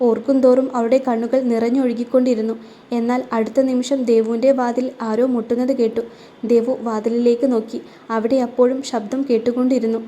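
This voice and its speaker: A woman storyteller reading a romance in an even, unhurried way. Her voice sits a touch high and mellow, and it barely rises or falls. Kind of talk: scripted story narration.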